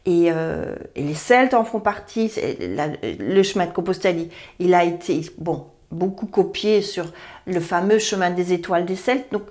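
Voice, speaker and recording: Speaking at normal speed in a lowish, darkish voice, a therapy practitioner from Belgium in her 50s gives a personal talk to camera. She is earnest, tends to ramble, and corrects herself as she goes.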